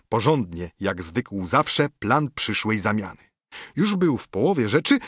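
A man narrating an epic poem in verse, reading in a measured, rhythmic way. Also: mid-range voice, a bit bright, breathy edge, no echo, studio quality.

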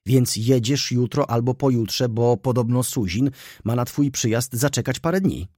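A man's voice: medium pitch, normal speed, dark tone, no room sound, voice pushed up, close to an everyday voice. An older man's voice, read by a man voicing a cautious old head clerk in an audiobook who speaks dryly and hesitantly. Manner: dry and hesitant.

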